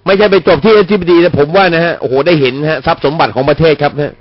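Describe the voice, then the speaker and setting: A high, very lively male voice hosting a call-in radio talk show. He jokes bluntly, swears casually and chuckles between points. The sound is dull and lo-fi, like an AM broadcast. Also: fast, no echo. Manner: joking, blunt and profane, chuckles often. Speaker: radio host.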